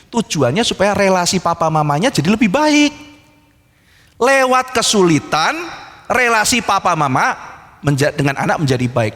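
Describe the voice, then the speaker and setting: A man's voice: high-pitched, a bit bright. A man preaching a sermon, telling a story with sound effects and acting out characters' voices. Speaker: pastor. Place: large church hall. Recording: reverberant church hall.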